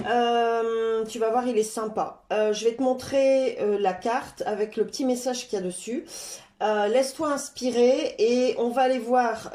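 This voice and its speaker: A woman giving a casual tarot card reading, chatty and unhurried, with many "euh" fillers. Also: on the high side, mellow, roomy sound, slight background noise. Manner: stops to talk to her cat.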